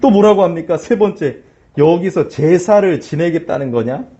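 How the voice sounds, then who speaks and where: A man's voice: fairly high pitch, lively intonation, normal speed, dark tone, lo-fi sound. A male pastor preaching a sermon in a church, speaking emphatically and addressing the congregation directly. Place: church sanctuary.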